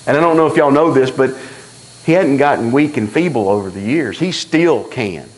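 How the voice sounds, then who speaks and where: A man preaching a sermon in a church, telling stories in a folksy, animated way and acting out the dialogue. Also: mid-range voice, normal speed, low-quality recording. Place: church sanctuary.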